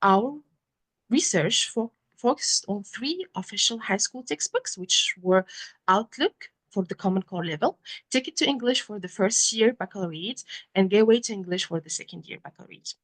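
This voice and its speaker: Moroccan woman presenting a paper at a conference, moroccan accent, medium pitch, kinda halting and corrects herself a lot. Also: expressive, a bit bright, poor audio. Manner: hesitant, halting delivery with frequent self-corrections. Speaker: researcher presenting at an academic conference.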